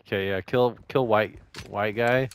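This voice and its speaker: A young man chatting casually over a game in a slangy, excitable frat-bro manner. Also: on the low side, measured pace, clear, resonant tone. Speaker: gamer playing with a friend. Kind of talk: casual gameplay chat.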